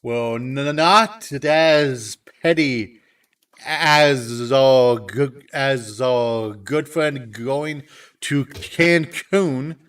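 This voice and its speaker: A man's voice: medium pitch, extremely slow, fairly bright tone, clear, resonant tone, far from the mic. A man co-hosting a casual podcast, teasing and stammering with many restarts. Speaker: podcast co-host. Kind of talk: casual chat. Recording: voice from off the mic.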